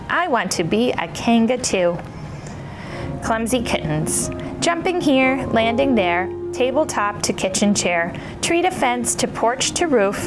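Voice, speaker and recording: A woman's voice: a little high, rough recording. A woman hosting a children's story time, playful and bubbly like an entertainer for young listeners. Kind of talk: children's story time chat and read-aloud.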